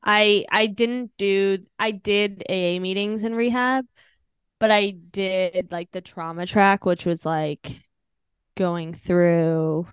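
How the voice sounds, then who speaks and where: Podcast guest, woman in her thirties, candid and rambling, swears easily; smooth tone, dry close recording. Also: mid-range voice, steady tone, takes it slowly, dry recording. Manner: rambling, frank, swears freely, laughs at dark moments. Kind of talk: candid personal storytelling.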